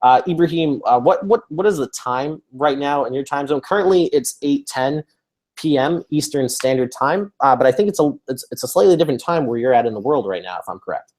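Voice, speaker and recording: A man's voice: medium pitch, expressive, fairly quick, darkish tone. Upbeat man hosting a live webinar. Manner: upbeat, chatty, many fillers and restarts. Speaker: webinar host.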